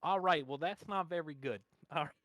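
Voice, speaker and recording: A man's voice: a little high, moderate pace, fairly bright tone, no room sound. A man playing a tabletop game, chatting casually, joking and laughing often. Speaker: player.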